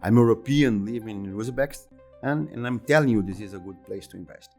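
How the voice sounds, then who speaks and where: Soft music plays in the background as a Brazilian exhibition center executive in his fifties responds to interview questions in non-native English with a Brazilian Portuguese accent. His voice is fairly low and a little mellow, and he speaks haltingly, repeating words and restarting phrases.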